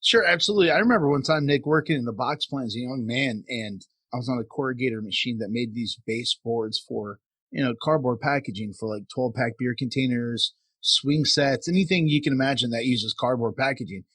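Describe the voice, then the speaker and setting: A man co-hosting a workplace safety podcast, telling a story from his past work in a casual, lively way. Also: mid-range voice, a little fast, slightly rough, dry recording. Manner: storytelling, animated when quoting. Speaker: podcast co-host.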